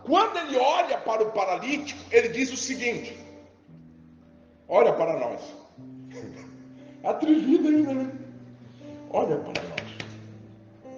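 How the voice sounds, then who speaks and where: A man from Rio de Janeiro preaching a sermon in an animated, jokey way, calling out to his congregation. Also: high-pitched. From Rio de Janeiro, Brazil. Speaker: pastor. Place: large church hall. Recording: roomy church hall, dull sound with music.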